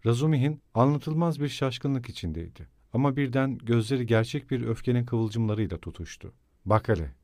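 A man's voice: medium pitch, expressive, a little fast, hardly any pauses, a little mellow, no room sound, studio quality. Man reading a classic novel aloud. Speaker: audiobook narrator. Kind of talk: scripted narration.

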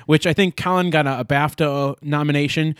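A man's voice: on the high side, steady tone, brisk, a bit bright, clean tone, dry recording, clean studio sound. A man co-hosting a film podcast, chatting eagerly as a movie buff. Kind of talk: casual film chat.

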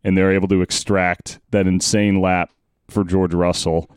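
A man chats casually about sport as a podcast host. His voice is low and resonant. It is recorded close and dry. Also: little pitch movement, normal speed, clear, resonant tone, no room sound.

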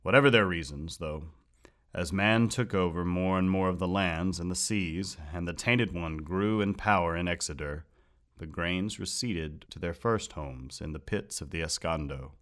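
A booming, grave sea captain recounting ancient lore in a very deep, low voice, solemn and declaiming, pressing his words with weight, as a male audiobook narrator puts him on. He sounds like a storybook loremaster addressing his crew. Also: normal speed, a bit bright.

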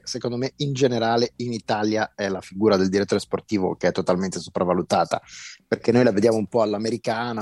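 A man giving conversational sports opinion as a podcast panellist, pausing to search for words as he argues. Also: lowish voice, a little mellow, dry recording.

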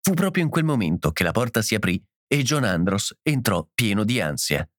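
Expressive male audiobook narrator. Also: fairly low pitch, dry recording, studio quality. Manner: expressive, measured reading. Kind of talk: scripted narration.

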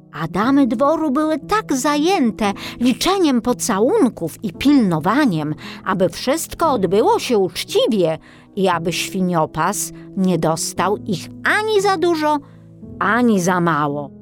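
A woman narrating a fairy tale audiobook in a scripted, expressive way. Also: medium pitch. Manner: expressive, lilting.

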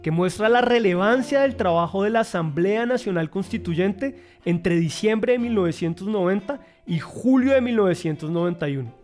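A Colombian man from Bogotá narrates in a high-pitched voice with his local accent. The delivery is scripted but playful and colloquial, over light background music. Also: expressive, moderate pace, darkish tone. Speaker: podcast host.

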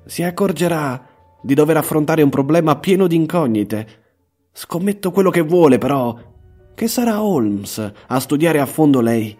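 A man voicing Stanford, an eager young male friend who introduces two men, speaking in a raised, lively voice. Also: fairly high pitch, normal speed, faint music behind, pitched above the performer's own voice. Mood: cheerful.

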